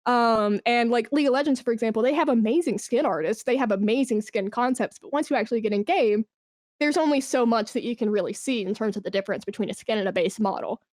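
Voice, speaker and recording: Here the same fairly high-voiced woman, an esports brand manager appearing as a podcast guest, talks fast and a little mellow. She stays enthusiastic and casual in the interview, cursing freely, on a very dry recording without any room echo.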